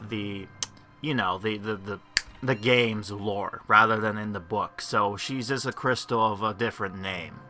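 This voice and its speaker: A man's voice: medium pitch, sharp tone. A man hosting a gameplay video with casual commentary.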